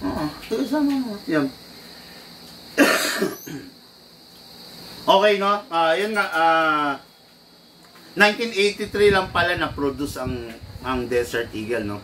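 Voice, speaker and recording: Guy chatting on a stream, bright voice, kinda far from the mic. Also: on the high side, very animated, slow, pauses often. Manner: chatty, laughs easily, greets viewers. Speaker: airsoft live-stream host. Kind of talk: casual live-stream chat. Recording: distant mic, faint background noise.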